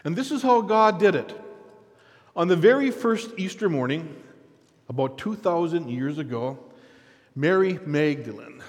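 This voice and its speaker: A man preaching a sermon as a dramatic story, often dropping to a hushed voice for effect. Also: fairly high pitch, lively intonation, unhurried, pauses often. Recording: reverberant hall.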